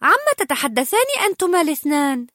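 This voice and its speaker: A woman's voice: very high voice, very animated, normal speed, fairly bright tone, no room sound, studio quality, voice pushed up, full character voice. A woman doing an eager young princess. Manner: eager, pleading.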